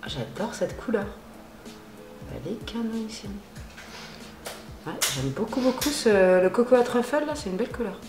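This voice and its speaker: A woman's voice: mid-range voice, expressive, normal speed, long pauses, over music. A woman beauty vlogger chatting casually and gushingly through a makeup tutorial, full of slang. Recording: roomy echo.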